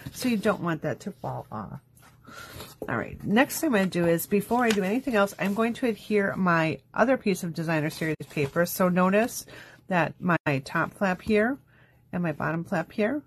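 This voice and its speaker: A woman's voice: fairly low pitch, slight background noise. A woman hosting a live crafting demo, talking chattily step by step while losing her voice. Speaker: craft show host. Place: home craft studio.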